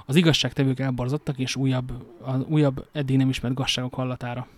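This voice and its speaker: Man, novel reading, casual asides, mid pitch, dry recording. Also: flat delivery, no room sound. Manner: reads with slips and casual joking asides. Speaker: amateur reader.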